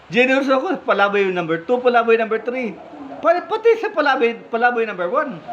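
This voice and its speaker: A man's voice: very high voice, very animated, fairly quick, a bit bright. A man preaching, retelling a parable in a conversational way and posing rhetorical questions to his listeners. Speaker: preacher and blogger. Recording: slightly muffled, faint background hum.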